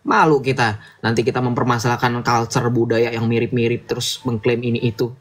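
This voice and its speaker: A man hosts a casual livestream. He talks at a middle pitch in a chatty, lecturing way and keeps asking his listeners to agree. He speaks into a streaming mic. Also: little pitch movement, fairly quick. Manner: chatty, lecturing, asks "betul nggak?" often. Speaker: livestream host.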